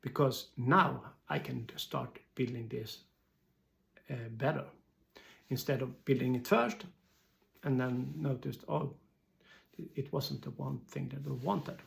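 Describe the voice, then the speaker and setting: A Swedish man with a gravelly, mid-range voice gives an informal business talk, explaining things in halting, hesitant non-native English.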